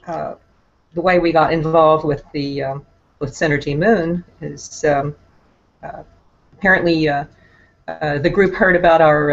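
A woman's voice: low-pitched, lo-fi sound. Middle-aged woman on a video call. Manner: halting, with many "uh" and "um" fillers. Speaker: guest.

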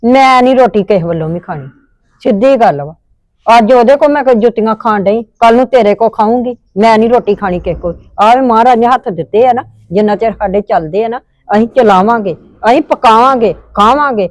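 A woman's voice: a little high, fairly quick, a little mellow, dry recording. Indignant woman playing a scolding mother. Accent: Punjabi. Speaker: mother-in-law in a family drama. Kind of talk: scripted family drama acting.

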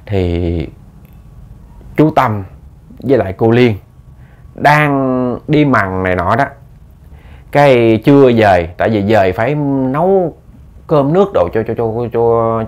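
Man telling ghost stories. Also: medium pitch. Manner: conversational, repeats words, addresses listeners. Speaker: ghost story narrator. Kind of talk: storytelling narration.

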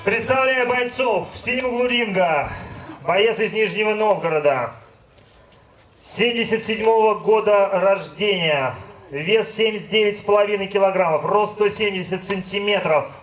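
A man's voice: high-pitched, normal speed, fairly bright tone. A man working as a ring announcer at an outdoor fight, projecting boxing-announcer calls and stretching out the fighters' names. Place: outdoor sand ring among spectators. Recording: echoey PA heard from afar, crowd noise. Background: crowd.

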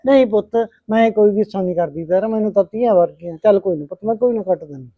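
A woman's voice: mid-range voice, fast talker, natural voice. A middle-aged woman, playing a tired, patient mother-in-law in a village family drama. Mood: gentle. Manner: gentle, weary, calls her "son". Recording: dull lo-fi recording.

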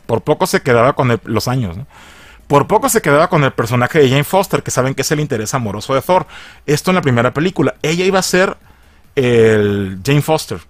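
A man's voice: mid-range voice, dry recording. A man with a Mexican accent giving casual movie news commentary, rambling, slangy and full of swearing and jokes. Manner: profane, slangy, rambling and joking. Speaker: host of a movie news channel.

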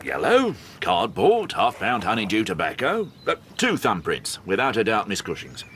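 An actor playing a sceptical, plain-speaking police inspector in a radio drama, blunt and dogged. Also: male voice, lowish voice, huge pitch swings, normal speed, a bit bright, a little hiss or hum. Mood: stubborn. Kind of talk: BBC radio drama acting.

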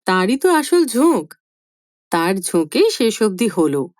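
A woman voicing a grown son in a storybook reading, hurried and sheepish, talking too much to cover his unease. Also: medium pitch, very animated, a little mellow, no echo, studio quality. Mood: flustered. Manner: hurried, over-explaining, sheepish. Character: anxious grown son, eager and flustered. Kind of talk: audiobook character voice.

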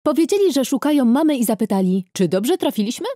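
Expressive young woman storyteller. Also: high-pitched, fast talker, dry recording, studio quality. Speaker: narrator. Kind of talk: scripted first-person story narration.

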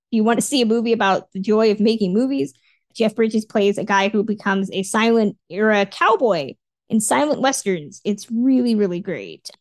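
A woman's voice: mid-range voice, no room sound. A woman co-hosting a podcast, chatting casually and giving upbeat recommendations. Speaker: podcast co-host. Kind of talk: casual chat.

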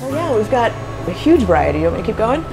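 A middle-aged woman from Cambodia, a restaurant co-owner chatting in an interview, quick with fillers and asides, on a lapel mic in a small kitchen. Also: on the high side, very animated. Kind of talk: casual interview. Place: small commercial kitchen, indoors. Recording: music bed underneath.

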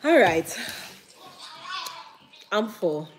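A woman in her thirties chatting casually at a table, teasing her family with deadpan made-up facts and laughing often. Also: medium pitch, very slow, background noise. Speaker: vlogger. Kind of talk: casual chat while eating. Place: small room with curtain backdrop.

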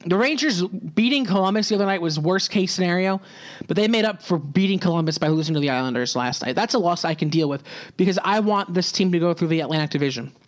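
A young man with a notably high voice hosts his solo sports podcast. He talks casually and keeps restarting his sentences. Now and then he drops a sarcastic aside. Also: animated, fast talker. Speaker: podcast host. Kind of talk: solo hockey podcast talk.

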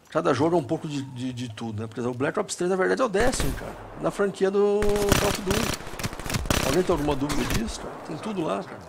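Brazilian guy rambling casually over gameplay, gravelly voice, slangy, really noisy clicky recording. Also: mid-range voice. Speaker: gaming commentator.

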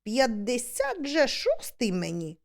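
A woman reading a humorous story aloud as an audiobook, with lively, expressive storytelling. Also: on the high side, slow, vocal fry. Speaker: audiobook reader.

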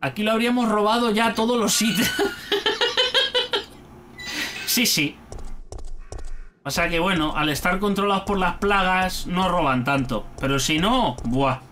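A man's voice: sits high, animated, normal speed, bright, forceful tone, a little hiss or hum. A man with a Spain Spanish accent giving chatty let's-play commentary, swearing freely and talking to himself. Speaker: gaming youtuber.

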